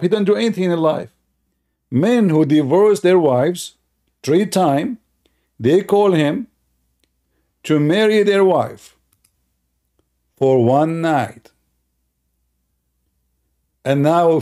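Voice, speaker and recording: Mellow and on the high side, this commentator's voice belongs to a man who speaks Arabic natively. Showing a video on screen, he chats casually in a loose storytelling style, with frequent fillers and non-native grammar.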